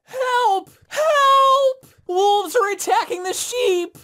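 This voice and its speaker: A man voicing a frightened young shepherd boy who shouts for help in a shrill, high voice. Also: extremely slow, no echo, clean studio sound, full character voice. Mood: desperate.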